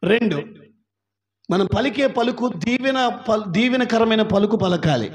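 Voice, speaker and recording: A man's voice: high-pitched, expressive, normal speed. A male pastor with an Andhra Telugu accent, preaching a sermon and calling on the congregation to repeat after him. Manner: calls on the congregation to repeat, rising to shouts.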